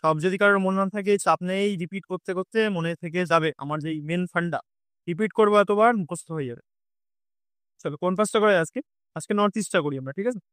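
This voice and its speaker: Male exam coach, rapid delivery, repetitive drilling style, tight dry studio sound. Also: high voice, fairly bright tone, clear, resonant tone, no room sound. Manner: drilling, repeats lists at speed with frequent "ঠিক আছে?" checks. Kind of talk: recorded online lesson.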